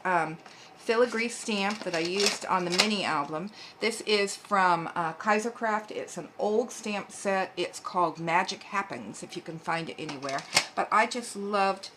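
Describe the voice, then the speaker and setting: A woman at her craft table talks through her handmade cards in a relaxed, meandering way, often pausing on an um. Her pitch sits in an ordinary middle range. A faint hiss of room noise stays under her voice. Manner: chatty, meandering, with frequent ums. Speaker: papercraft channel host. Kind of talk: casual craft show-and-tell.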